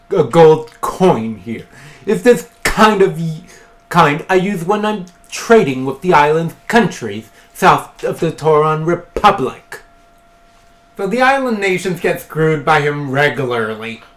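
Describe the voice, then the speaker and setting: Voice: mid-range voice, very animated. Cold male strategist, read by a gamer. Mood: stern. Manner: reads game dialogue aloud, slow and measured. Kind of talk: reading game dialogue aloud.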